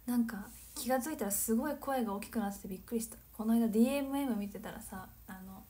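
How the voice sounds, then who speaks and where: A woman in her twenties from Nagano, chatting casually on a livestream, giggling and drifting into soft whispered asides. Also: on the high side, fast talker. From Nagano, Japan. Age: 20s. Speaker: livestream host. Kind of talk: casual chat reading viewer comments.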